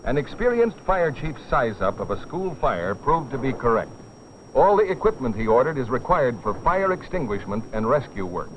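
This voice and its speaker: A man narrates a scripted educational film in a dramatic, solemn manner with rhetorical weight, his medium-pitched voice sing-song at a moderate pace. The soundtrack is dull and dated, with music and slight background noise.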